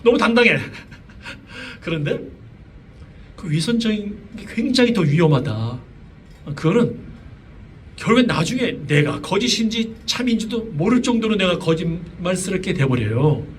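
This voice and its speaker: High-voiced male pastor, distant in church. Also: big pitch swings, normal speed. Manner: conversational preaching with many fillers and rhetorical questions. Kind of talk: sermon. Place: church sanctuary. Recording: voice from a distance, faint room noise.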